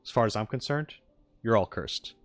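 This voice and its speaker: Reacting to game content live, a man chats jokingly with his viewers, rambling and often repeating points. His voice is fairly low, expressive, and fairly bright, at a moderate pace. Faint music can be heard behind him.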